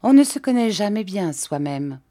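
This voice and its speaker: A woman's voice: medium pitch, big pitch swings, moderate pace, warm tone, voice pushed up. A woman reading an audiobook, voicing an ironic young woman who speaks with feigned innocence and pointed, raised questions.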